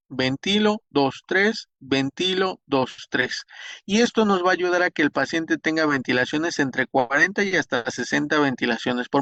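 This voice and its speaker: A man's voice: mid-range voice, fairly bright tone, no room sound. A man with a Mexican Spanish accent giving a spoken lecture, explaining step by step, with frequent hesitations and restarts. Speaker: instructor. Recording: dull, dry lo-fi recording.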